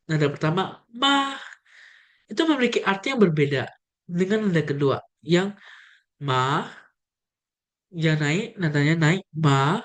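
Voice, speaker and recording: A woman's voice: low-pitched, expressive, moderate pace. Young woman teaching Mandarin tones. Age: young adult. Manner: friendly, addresses viewers directly, demonstrates tones. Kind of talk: casual video lesson.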